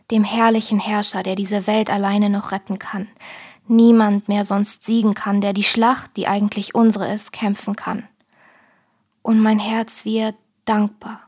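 A woman reciting devotional spoken-word poetry, slow and intimate, often sinking into whispers. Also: medium pitch, a little mellow, breathy edge. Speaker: poet reciting devotional verse.

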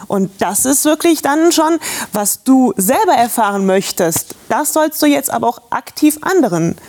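A woman's voice: sits high, lively intonation, moderate pace, a little mellow. Emphatic woman urging action. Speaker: discussion participant. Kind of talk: casual discussion.

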